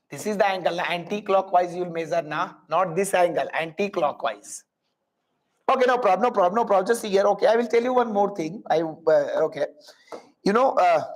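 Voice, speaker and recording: A man with an Indian accent teaching a live physics class, explaining step by step, repeating phrases and putting questions to students with Hindi tags mixed in. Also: high-pitched.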